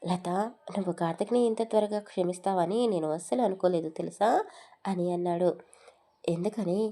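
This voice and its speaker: A woman's voice: on the low side, warm tone. A woman narrating a romantic audio story with a Telugu accent, voicing every character's dialogue herself.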